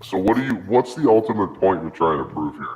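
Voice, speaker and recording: A man talking through a deep pitch-shifted voice changer, arguing and swearing in casual crude banter. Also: animated, quick pace, a little mellow. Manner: argumentative, swearing, laughs things off. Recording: lo-fi with long reverb.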